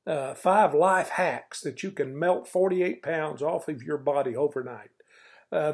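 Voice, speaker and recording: A man's voice: a little high, gravelly, a little mellow, slightly rough. An older man giving a folksy morning devotional, exhorting listeners like an old coach with stern emphasis. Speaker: devotional preacher.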